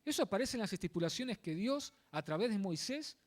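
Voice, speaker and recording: Lively high-voiced male preacher. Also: a little fast. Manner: expository, repeatedly stressing key words, asides to the congregation. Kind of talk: sermon. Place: church.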